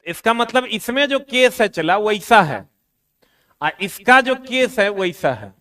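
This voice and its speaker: High-voiced unhurried teacher. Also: male voice, big pitch swings. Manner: chatty, teasing students, drops to quiet asides. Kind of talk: classroom science lecture.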